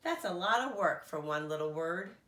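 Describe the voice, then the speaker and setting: A woman voicing a big yellow bird in a children's storybook, friendly, naive and curious, speaking with simple-hearted emphasis. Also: fairly low pitch, lively intonation, normal speed, echoey room, recorded from a distance.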